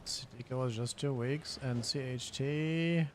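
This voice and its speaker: Slow-spoken stuffy-nosed man. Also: mid-range voice, a little hiss or hum. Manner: unhurried, reads names out haltingly. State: stuffy nose. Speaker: stream co-host. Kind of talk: casual live-stream chat.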